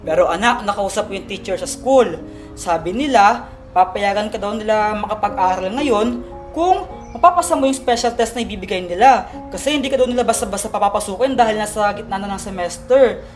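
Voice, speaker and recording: A woman voicing a doting father who speaks gently and affectionately to his daughter. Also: medium pitch, fairly quick, faint music behind, close to an everyday voice. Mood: tender. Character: caring, doting father, adult man. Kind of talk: animated story voice acting.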